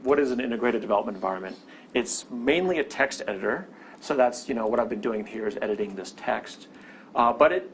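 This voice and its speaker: A man with a medium-pitched, vocal-fry voice teaches a programming lesson over a screen recording, with slight background noise. He explains step by step, restarts himself, and checks in often with "okay?".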